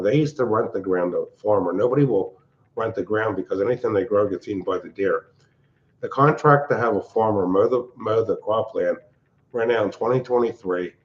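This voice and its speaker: An older man from Pennsylvania hosts a casual late-night livestream from a big open-plan house. He speaks loudly, with a lowish pitch, in a blunt, rambling and irritable manner, and the audio is dull and lo-fi.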